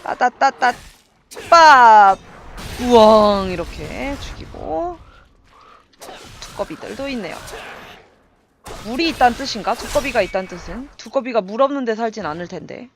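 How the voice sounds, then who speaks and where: A young woman casually commenting on her gameplay, chatty and excitable, making little sound effects as she fights. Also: a little high, moderate pace, pauses often, slight background noise. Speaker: game streamer.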